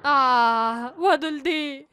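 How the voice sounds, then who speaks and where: Talking extremely slowly in a high, sharp-toned voice, a woman records let's-play commentary as a gaming YouTuber. She's chatty and jokey throughout and lets out panicked shrieks when the game goes badly.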